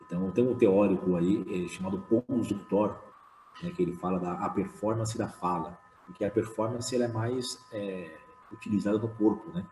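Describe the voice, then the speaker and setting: A man and slam poet talking casually on an online panel, with many fillers and lively retellings. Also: deep voice, reverberant, low-quality recording. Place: home room.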